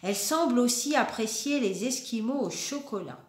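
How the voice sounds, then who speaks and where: High, animated woman reading storybooks. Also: normal speed, reverberant. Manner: lively, playful, laughs often, comments between lines. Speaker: storyteller reading picture books aloud. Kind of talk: reading a children's storybook aloud with character voices.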